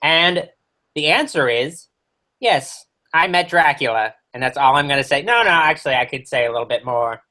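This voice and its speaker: A man's voice: mid-range voice, expressive, moderate pace, bright, forceful tone. A man playing a brash male werewolf horror-host doctor, answering questions in character on a livestream with rambling, crude jokes. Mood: wry. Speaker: guest.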